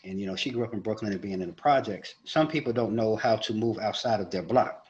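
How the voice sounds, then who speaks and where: A man from New York talks on a podcast with a fairly low voice. He is earnest and reflective, and he builds his points by repeating them. His tone is casual and conversational. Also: quick pace, a little mellow, dull audio. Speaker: podcast co-host.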